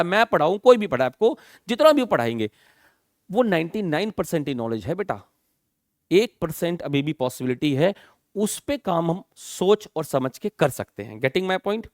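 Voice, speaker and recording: A male English teacher with an Indian accent lecturing students in Hindi mixed with English. He keeps calling them "children" and asking check questions, and he dictates definitions slowly, word by word. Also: high-pitched, no echo, clean studio sound. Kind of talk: classroom lecture.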